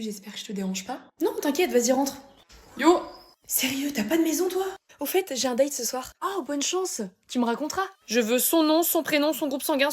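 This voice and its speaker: A young woman performing comedy sketches, snappy and sarcastic, switching between characters. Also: high voice.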